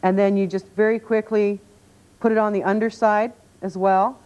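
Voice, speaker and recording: A woman's voice: medium pitch, little pitch movement, normal speed, darkish tone. A woman presenting a product demonstration on home shopping, explaining insistently and repeating key words for emphasis. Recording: dull lo-fi TV audio.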